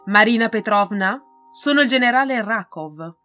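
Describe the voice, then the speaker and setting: A woman's voice: fairly high pitch, lively intonation, normal speed, sharp tone, soft background music. A woman voicing a stern old male army general in a read-aloud storybook, speaking in a cold, commanding, formal way.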